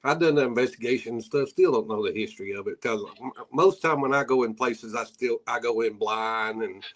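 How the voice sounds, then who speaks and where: A middle-aged man talks a little fast in a mid-range voice, casually recounting stories as an interviewed paranormal investigator. His Appalachian hillbilly drawl carries rural grammar, and his manner is folksy and rambling.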